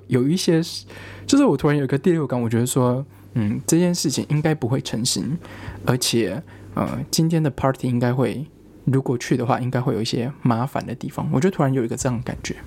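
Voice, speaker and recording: A man's voice: mid-range voice, fairly quick, darkish tone. A young man, a student, telling a rambling personal story in casual chat, with frequent restarts.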